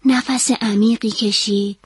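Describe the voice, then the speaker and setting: A woman calmly and expressively reading a children's story aloud. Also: medium pitch, breathy edge, no room sound, studio quality.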